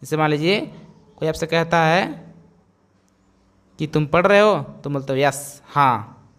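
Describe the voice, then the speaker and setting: A man's voice: fairly high pitch, a bit bright, clean tone. A man giving a phonics lesson, spelling words out letter by letter, then repeating them and asking viewers to say them back. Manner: slow, repeats each word and quizzes viewers. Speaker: English teacher.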